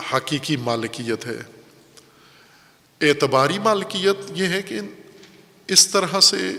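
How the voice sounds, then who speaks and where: A man giving a religious lecture, explaining word meanings in a measured way and repeating key words for emphasis. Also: mid-range voice, sharp tone. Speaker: Quran commentary teacher. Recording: long hall reverb.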